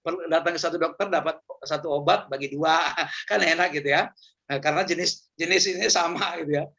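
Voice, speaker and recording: A man's voice: fairly high pitch, fairly even intonation, brisk, creaky, sharp tone. A man giving a casual, joking talk on personality types to church youth, repeating words and laughing often. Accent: Indonesian. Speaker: youth seminar speaker.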